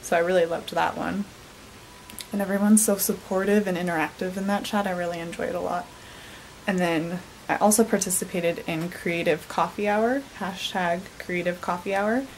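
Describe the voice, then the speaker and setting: A woman's voice: fairly low pitch, fairly even intonation, moderate pace, a little hiss or hum, poor audio. Chatty young woman vlogging at home. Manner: chatty, filler-heavy. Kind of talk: casual vlog chat. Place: bedroom at home. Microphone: handheld camera at arm's length.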